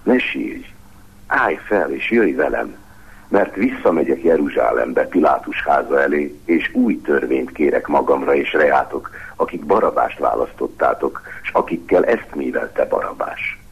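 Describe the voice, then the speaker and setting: A man reading as a gentle, forgiving master. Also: a bass voice, lively intonation, husky, heavily acted. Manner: mild, soothing reading. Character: gentle adult male spiritual master, calm and forgiving. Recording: dull lo-fi radio broadcast.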